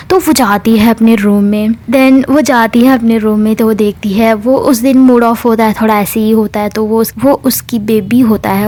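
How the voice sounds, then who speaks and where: A woman's voice: mid-range voice, mellow. A woman telling a love story in a casual, chatty way, mixing in English words. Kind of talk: casual spoken story narration.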